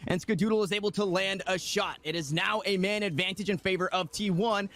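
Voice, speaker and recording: A man's voice: high-pitched, fairly even intonation, brisk, a bit bright. A man working as an esports caster, giving running play-by-play commentary in clipped phrases.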